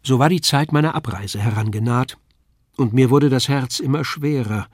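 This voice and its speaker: A man reading a literary novella aloud in a calm, measured and expressive way. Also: mid-range voice, dry recording, clean studio sound. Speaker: audiobook reader.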